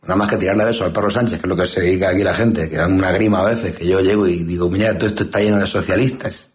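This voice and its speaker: A man with a fairly low voice holds forth in a comedic chat. He rambles, circles back on his words and builds each complaint into a mock-outraged rant, then drops flat and deadpan. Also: rapid-fire. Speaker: comedic guest. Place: newsroom studio.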